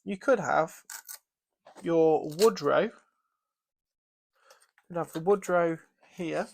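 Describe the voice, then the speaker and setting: A man's voice: fairly high pitch, takes it slowly, vocal fry, a little hiss or hum. Rambling British man showing guitar pedals. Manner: thinks aloud with frequent fillers and restarts. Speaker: guitar gear presenter. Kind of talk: casual gear demo.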